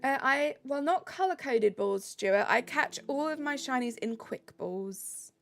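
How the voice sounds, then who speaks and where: With light music playing behind her, a woman from Britain chats through a game stream and reads out viewer messages in a bubbly manner. She speaks at a measured pace, her gravelly voice sitting high and sounding animated.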